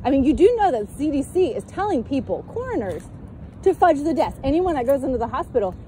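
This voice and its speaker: Shrill, defiant woman yelling outdoors. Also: very animated, fast talker, a little hiss or hum. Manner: yelling, defiant, repetitive demands. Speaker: mother confronting police. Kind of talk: heated street confrontation. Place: outdoor park.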